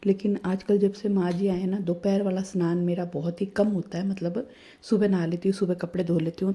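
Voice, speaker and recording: A woman in her thirties narrating her daily home chores in a soft, hushed voice-over, chatty and confiding. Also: lowish voice. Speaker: home vlogger. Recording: roomy home voice-over with faint ambience.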